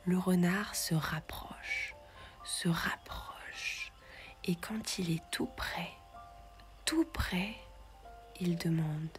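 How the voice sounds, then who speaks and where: A woman tells a bedtime tale for children, her voice soft and often dropping to a gentle whisper. She takes her time, letting each phrase settle unhurriedly. Quiet music plays faintly underneath. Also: lowish voice, drawn-out words, pauses often. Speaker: storyteller. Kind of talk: children's bedtime story narration.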